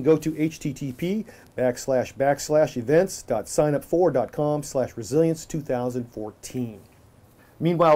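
A man's voice: a little high, warm tone. A middle-aged man hosting a local news show, reading his script in an upbeat way from a small office.

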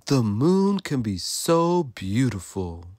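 A man voicing a shy, clumsy young giraffe with a soft, gentle voice in a storybook. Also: slow pace, no echo, studio quality. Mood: sad. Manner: soft and gentle, rising to high excited cries.

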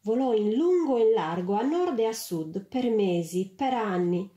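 A woman reading a storybook aloud in an expressive, lively way, in a roomy space. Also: mid-range voice, unhurried, highs cut off. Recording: roomy echo.

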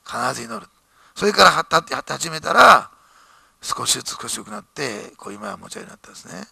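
A man's voice: a little high, sing-song, fast talker, gravelly, bright, forceful tone, slightly rough, dry recording. A male pastor giving a sermon, reading scripture aloud and building to fervent, emphatic preaching in a church.

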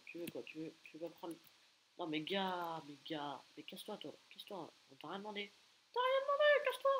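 Excitable young man commenting gameplay. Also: fairly high pitch, slight background noise, poor audio. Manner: excitable, taunts opponents, repeated exclamations. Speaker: gaming video creator.

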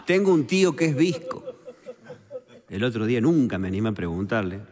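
A Córdoba-born comedian performs a chatty stand-up set in Cordobés Argentine Spanish, full of small "viste" and "eh" tags. He is very animated and a little fast, with a mid-range, darkish voice and a long reverb tail.

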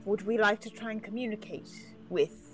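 A woman's voice: mid-range voice, moderate pace, fairly bright tone, rough recording. A woman in a tabletop role-play game, talking things over casually in a hesitant, questioning way. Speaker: player in a tabletop game show. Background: music.

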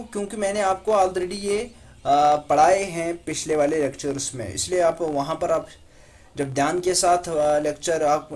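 A man's voice: fairly high pitch, a little mellow. A man teaching Quran recitation with tajweed, patiently spelling out letters and vowel marks syllable by syllable. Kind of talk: slow spelled-out recitation lesson.

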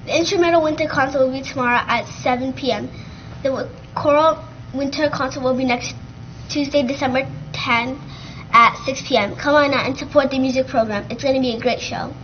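A teenage girl co-anchoring a school morning news show, reading announcements in a brisk, upbeat way. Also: sits high, dull audio, a little hiss or hum. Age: teens. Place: school TV studio, green screen.

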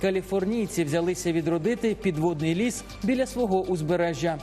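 High-voiced male news correspondent. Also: fairly quick, music in the background. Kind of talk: scripted news report narration.

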